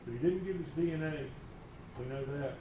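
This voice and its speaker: A man's voice: fairly high pitch, moderate pace. Folksy man in echoey courtroom. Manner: folksy, plainspoken, repeating himself. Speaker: defense attorney. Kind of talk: closing argument to a jury. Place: large indoor courtroom. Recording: echoey room, clear background noise.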